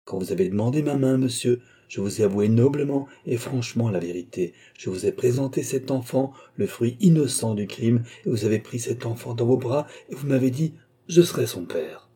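A man voicing a long-suffering wife and mother who stands up to her husband, in a dark, husky voice raised a little above his own. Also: mid-range voice, expressive, moderate pace, pitched above the performer's own voice. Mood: indignant. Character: wife, a resigned mother, now defiant, a woman of middle age.

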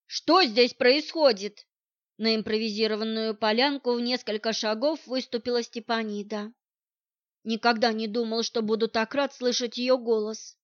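A woman narrating a first-person audiobook in an even storytelling manner. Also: fairly high pitch, normal speed, no room sound. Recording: dull, dry audiobook recording.

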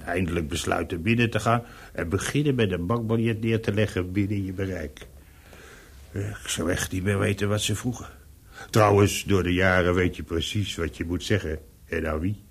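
In a radio play, a male actor portrays a discreet, worldly-wise Paris hotel servant. His low voice is gravelly, husky, and exaggerated, with a deferential, dry, hesitant manner.

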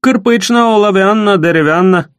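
A man doing a hoarse jeering village bully. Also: high-pitched, normal speed, fairly bright tone, no room sound, studio quality, voice pushed up. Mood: menacing. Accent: Ukrainian-mixed village speech. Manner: mocking, taunting village dialect.

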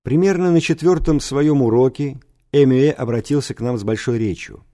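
A man reading a novel aloud as an audiobook narrator, in an even storytelling delivery. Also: mid-range voice, moderate pace. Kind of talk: scripted narration.

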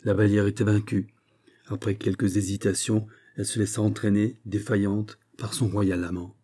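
A man reading a classic novel aloud in a measured, dramatic way, with a husky voice. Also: lowish voice, level tone, mellow. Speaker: audiobook narrator.

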